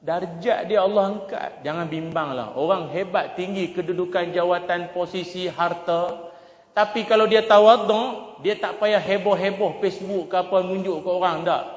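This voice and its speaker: A male preacher delivers a joking, animated sermon in a fairly high voice, slipping into the voices of the people in his stories. He is recorded in a large mosque hall, and his words ring out with a roomy, long reverb. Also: normal speed. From Kedah, Malaysia. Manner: jokey, animated, acts out characters. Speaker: religious preacher.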